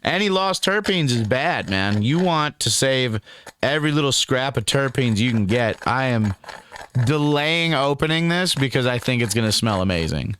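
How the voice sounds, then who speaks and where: A man's voice: medium pitch, expressive, moderate pace, fairly bright tone, slight background noise. A laid-back young man giving a rambling, casual review to camera, calling the viewer dude and man. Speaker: cannabis strain reviewer.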